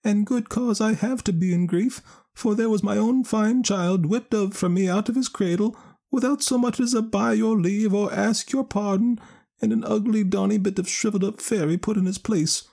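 A man puts on a grief-stricken country mother, frantic over her lost child. Her voice jumps very high and shrill, loud and pleading, in a storybook reading. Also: normal speed, vocal fry. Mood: distraught. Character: grieving peasant mother, young woman, anxious.

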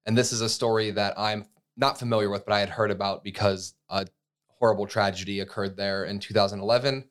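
A man in his thirties from the United States, co-hosting a podcast and telling a story in a relaxed, chatty way with fillers and restarts. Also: on the low side, fast talker. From USA. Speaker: podcast co-host. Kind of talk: casual chat.

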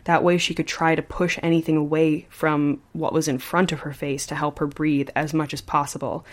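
A woman's voice: low voice, moderate pace. Chatty woman telling a true story. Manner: animated, chatty, says like often. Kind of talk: casual storytelling chat.

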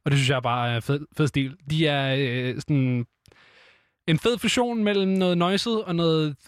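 Higher-voiced male radio host, dry studio. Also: clean tone, dry recording. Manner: relaxed, many filler sounds. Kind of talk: casual studio chat presenting music.

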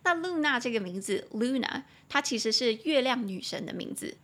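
A woman in her twenties with a Taiwanese Mandarin accent, hosting a casual podcast English lesson and slowly repeating words as she explains them. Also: fairly high pitch, animated, fairly bright tone. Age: 20s. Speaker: English teacher podcast host.

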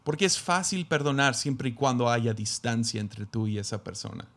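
A man's voice: medium pitch, steady tone, moderate pace, fairly bright tone. A man, a pastor, reading scripture aloud and then musing on it in a reflective sermon, with frequent restarts.

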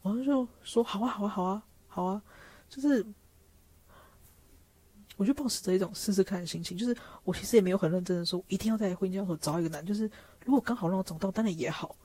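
Fast-talking chatty woman from Taiwan. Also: mid-range voice, mellow, breathy edge. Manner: chatty, laughs often, acts out others' lines. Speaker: vlogger. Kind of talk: casual storytelling chat.

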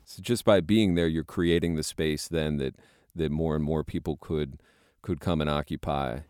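A man hosting a travel podcast, asking relaxed, chatty questions and introducing guests. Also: a bass voice, moderate pace, smooth, dry recording, clean studio sound. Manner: relaxed, chatty, laughs easily. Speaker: podcast host. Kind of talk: interview and scripted narration.

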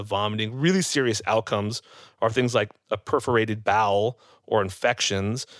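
A man who is a medical expert, answering interview questions in a measured, explanatory way. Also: fairly low pitch, a bit bright, no echo, studio quality.

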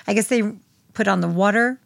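A woman's voice: medium pitch, brisk, gravelly, dry recording. Woman just chatting, recapping stuff, opinionated, dry close mic. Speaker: podcast co-host. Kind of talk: casual recap chat.

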